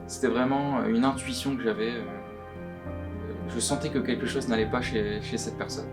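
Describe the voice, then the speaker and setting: A young man giving anonymous testimony, his voice disguised by being pitch shifted deeper, speaking earnestly and haltingly. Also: steady tone. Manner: earnest, halting, often repeats words. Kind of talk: recorded testimony, answering questions. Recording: guitar music underneath. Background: plucked guitar music.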